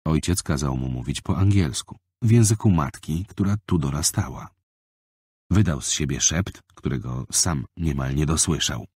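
A man narrating an audiobook with an expressive, lively reading, close on a studio mic. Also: rumbling low, normal speed, husky, no room sound.

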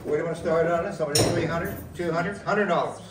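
This auctioneer's slightly high voice rattles off bids fast in a repetitive numeric chant, and the recording is very noisy. The setting is an indoor storage facility hallway with metal walls, heard echoing through a camera positioned several metres away.

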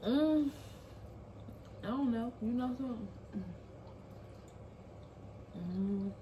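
A woman's voice: on the high side, a little slow, muffled recording. A young woman in her teens chatting casually as a co-host on a vlog. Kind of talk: casual chat. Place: indoors, small room at home. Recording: faint background noise indoors.

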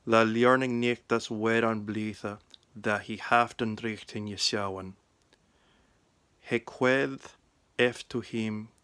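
A middle-aged man reads a Gospel passage aloud in Old English pronunciation. His delivery is very slow and deliberate, with a clean, resonant tone. The sound is dry and close, as if spoken to a phone in a small room. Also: mid-range voice, a bit bright, clean tone, no room sound. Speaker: reader. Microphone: phone at arm's length.

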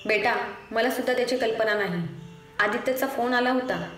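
A senior male police commissioner, measured and puzzled, read by a woman storyteller. The voice sits fairly high. It rings in an echoey room. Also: fairly bright tone, soft background music, close to an everyday voice. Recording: echoey room, faint noise.

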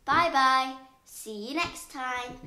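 A woman acting as a patient teacher in a playful classroom skit for children, speaking clearly with mock-strict moments. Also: high-pitched, takes it slowly, pushed and bright, slight background noise. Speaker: co-host playing a teacher. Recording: roomy echo.

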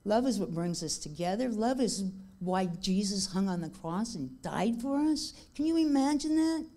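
An older woman gives a heartfelt testimony in a church. Her voice is mellow and mid-pitched, and she slows down to lean on the key points. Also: animated. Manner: heartfelt, slow when emphatic. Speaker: church member giving testimony.

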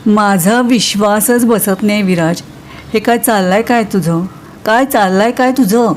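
A woman's voice: a little high, moderate pace, darkish tone, a little hiss or hum, close to an everyday voice. A woman voicing a young woman in love who turns shocked and disbelieving, questioning and exclaiming.

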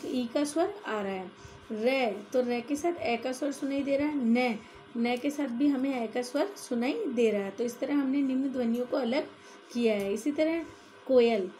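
A woman teaching a classroom grammar lesson, going through each point step by step and pausing to check in with her listeners. Her voice sits a little high but sounds soft and mellow. A faint hiss runs under the recording. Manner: explaining step by step, often adding "ठीक है".

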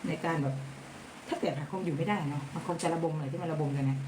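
A woman's voice: deep voice, quick pace. A middle-aged woman with an Isan accent chatting casually on a live stream, thanking viewers and mixing dialect words into her talk. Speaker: livestream seller. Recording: echoey room with background noise.

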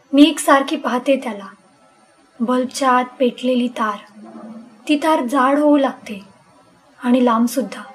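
A woman reading a first-person story in an expressive, intense, dramatic way. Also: high voice, low-quality recording. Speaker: story reader.

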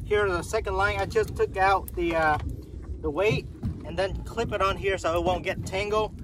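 A man's voice: high voice, steady tone, moderate pace. A man in his thirties casually narrating a fishing trip from a canoe on a lake, chatty and repetitive, pointing things out as he works. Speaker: fishing vlogger. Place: canoe on an open lake, outdoors. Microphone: camera mounted on the canoe, a few feet away. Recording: windy outdoor lake noise. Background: wind and lapping water.

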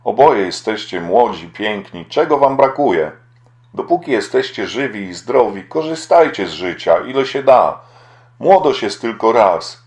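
Man doing a meddling aunt, lecturing and coaxing, a bit higher than his usual. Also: lively intonation, a little slow, darkish tone. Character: coaxing meddling aunt, middle-aged woman.

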